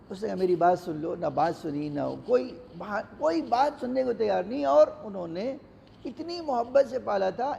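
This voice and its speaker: Male preacher, high gravelly voice, warm and dark-toned, emotive storytelling sermon, long hall reverb. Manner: emotive, acts out the characters' pleas. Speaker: cleric giving a Ramadan lecture. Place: large mosque hall. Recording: echoey hall, dull lo-fi sound, faint noise.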